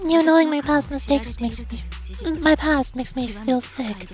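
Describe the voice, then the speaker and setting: A woman puts on an indignant game hero facing down a villain. The voice is high, emphatic and accusing. Soft music runs behind it. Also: measured pace. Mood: cold contempt. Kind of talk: live voice acting of game dialogue.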